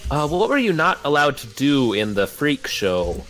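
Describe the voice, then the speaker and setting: A man's voice: on the high side, huge pitch swings, normal speed, fairly bright tone, faint music behind. A man co-hosting a gaming show in casual let's-play chat.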